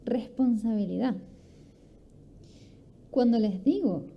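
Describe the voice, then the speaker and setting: A woman's voice: on the high side, slow pace, vocal fry. A woman giving an instructive talk at a sports conference. She explains as she goes, poses rhetorical questions and acts out examples. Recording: dull lo-fi recording with faint ambience.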